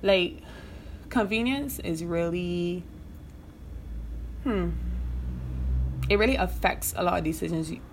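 Slow and given to long pauses, a young podcast host with a Barbadian accent speaks in a lowish voice with slight background noise. She delivers a frank, casual monologue, swearing freely and often asking "you know what I mean."

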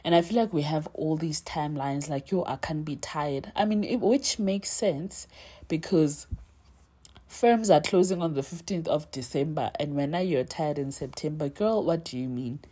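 A woman's voice: low voice, normal speed, dark tone, slightly rough. A young woman hosting a podcast, talking in a chatty, heartfelt way with lots of "you know"s. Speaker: podcast host. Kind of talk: casual encouraging monologue.

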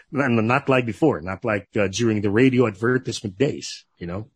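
A man's voice: on the low side, breathy edge. A man with a Filipino accent, a radio DJ guest, talking casually with many fillers and restarts. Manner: halting, many fillers and restarts, then polished radio announcer delivery. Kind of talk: casual interview mixing English and Filipino.

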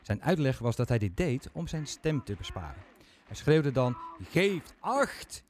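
A man's voice: mid-range voice, animated, moderate pace, mellow, a little hiss or hum. A man hosting a podcast, talking chattily with self-mocking humor into a microphone. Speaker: podcast host. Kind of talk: casual podcast talk.

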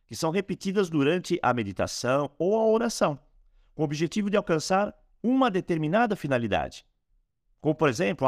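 A man hosting a calm instructional talk on a spiritual technique, slowing down when he speaks mantras. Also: mid-range voice, no echo, studio quality. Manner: lively, rising and falling delivery, slowing on mantras. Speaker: host teaching a spiritual technique.

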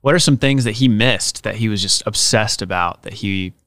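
A man's voice: lowish voice, moderate pace, fairly bright tone, dry recording, clean studio sound. A young man interviewing his grandmother, asking loose, searching questions in a casual way.

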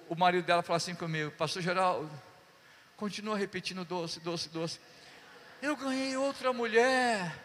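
A pastor preaching a sermon, telling stories and acting out voices while calling "Amém?" to the congregation. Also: male voice, high-pitched, slight background noise. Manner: animated, acts out dialogue, calls "Amém?" to the congregation. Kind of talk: sermon with storytelling. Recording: long church hall reverb.

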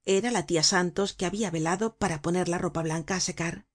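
A woman reads a classic novel aloud with steady storytelling. Her voice is low-pitched and husky. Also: brisk. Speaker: narrator. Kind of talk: audiobook narration.

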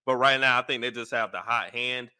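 Male co-host, very bright and piercing tone, blunt and opinionated. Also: mid-range voice, fairly even intonation, brisk, smooth. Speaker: sports podcast co-host. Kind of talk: casual basketball chat.

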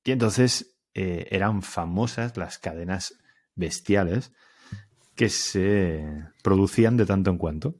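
Low-voiced spanish guy in his 30s, rambling podcast chat, lots of fillers. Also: slow, a little mellow. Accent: Spanish from Spain. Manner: rambling, easygoing storytelling with fillers. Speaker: podcast co-host. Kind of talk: casual chat.

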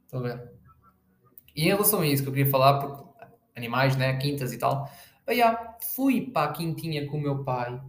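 Young male podcaster, European Portuguese accent, slangy filler-heavy chat, mid pitch, echoey room. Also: lively intonation, fairly quick. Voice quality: slangy, rambling, lots of fillers. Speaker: podcast host. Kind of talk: casual solo podcast chat.

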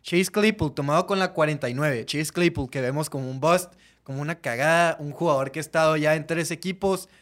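A man's voice: a little high, fairly quick, fairly bright tone. A man with a Mexican accent giving casual, blunt sports analysis as a panelist, using slang.

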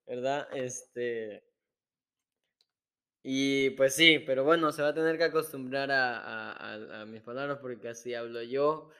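Chatty man, bright voice. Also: medium pitch, fairly even intonation, unhurried, clear, resonant tone. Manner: chatty, many fillers like "este", laughs often. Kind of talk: casual chat.

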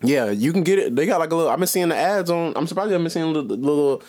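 A man's voice: fairly high pitch, lively intonation, racing, a little mellow. A man co-hosting a podcast in casual chat, laid-back and profane, rambling with lots of fillers. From Southern United States. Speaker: podcast co-host.

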